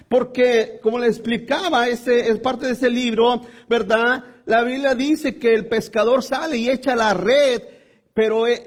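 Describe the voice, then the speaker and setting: A male preacher delivering a sermon, often calling his listeners brothers and breaking off into asides and restarts. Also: very high-pitched.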